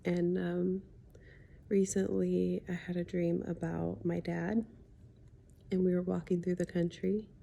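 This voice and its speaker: A woman talking reflectively in a confiding personal vlog as a healing coach, with slightly lisped speech from wearing a retainer, pausing thoughtfully and often softening to a near-whisper. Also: on the low side, little pitch movement, gravelly, breathy edge, lo-fi sound. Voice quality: slight lisp from speaking with a retainer in. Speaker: spiritual healing coach sharing a personal story.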